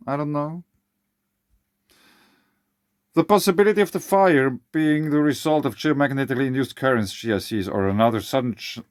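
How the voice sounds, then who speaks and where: Guy reading his own paper out loud, whistly s's, mid pitch, stumbles and corrects himself, really dry sound. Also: no room sound. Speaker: independent researcher presenting own papers. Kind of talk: reading own paper aloud with informal asides.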